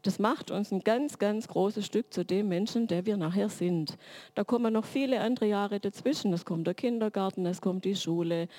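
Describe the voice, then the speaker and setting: A woman's voice: mid-range voice, dark tone. A middle-aged woman giving a sermon-like teaching talk in a reflective way, building her points through long spoken lists. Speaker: church speaker.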